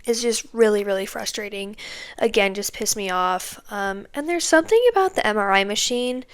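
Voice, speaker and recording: A woman's voice: mid-range voice, normal speed, clean tone. A young woman hosting a podcast, venting in a casual monologue full of fillers and exasperated asides. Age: young adult. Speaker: podcast host.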